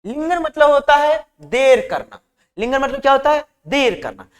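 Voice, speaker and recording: A man's voice: extremely high pitch, sing-song, normal speed. Hindi-speaking man drilling vocabulary, reverberant. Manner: repetitive call-and-response drilling; warm and chatty with students. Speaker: vocabulary teacher. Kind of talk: exam-prep vocabulary lesson.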